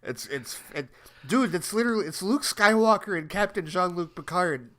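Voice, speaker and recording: A man's voice: high voice, lively intonation, normal speed, pushed and bright. Rambling, laughing male podcast co-host. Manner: rambling, repeats words and restarts, laughs often. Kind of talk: casual chat.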